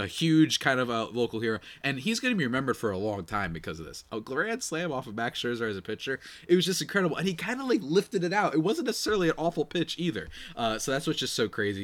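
A man hosts a casual solo sports podcast, slightly nasal and congested from a cold night. In a mid-range voice he talks animatedly and slangily, with chatty asides to his listeners.

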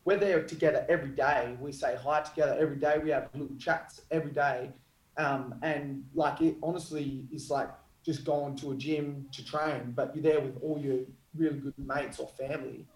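Echoey, higher-pitched Australian man chatting. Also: steady tone, moderate pace. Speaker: podcast guest, Muay Thai fighter. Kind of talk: casual interview chat. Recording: roomy, echoing sound.

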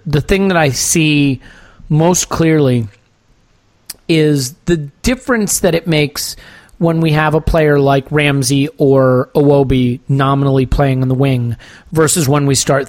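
A podcast host breaking down a football match in measured, thoughtful casual talk with frequent small restarts. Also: mid-range voice, fairly even intonation, no room sound.

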